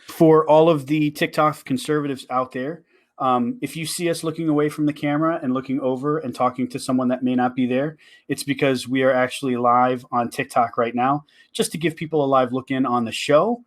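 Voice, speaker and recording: Male co-host, medium pitch, casual banter, quick to laugh. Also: fairly even intonation. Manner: laughs often, loose and jokey. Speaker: podcast co-host. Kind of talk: casual chat.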